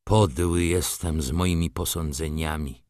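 Storybook merchant, brooding and reserved, as a male reader plays him, very deep and terse, dry close sound. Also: steady tone, a little slow, darkish tone, no echo. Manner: low, inward, terse.

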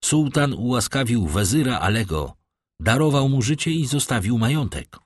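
A man voicing a cunning, smooth-spoken male messenger in an audiobook, announcing his news formally. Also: mid-range voice, big pitch swings, moderate pace, no echo, clean studio sound, voice pushed up.

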